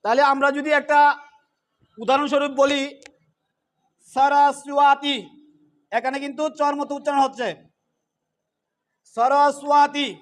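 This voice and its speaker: A man's voice: extremely high pitch, fairly even intonation, quick pace. A man teaching pronunciation for scripture recitation, explaining rules step by step and repeating example words. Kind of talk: pronunciation lesson.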